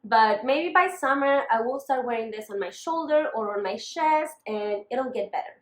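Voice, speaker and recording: Talking to camera in an echoey room, a young woman with a northern Mexican accent shares a casual makeup update, candid and full of apologetic asides. She's a beauty vlogger whose fairly high voice is expressive at a moderate pace.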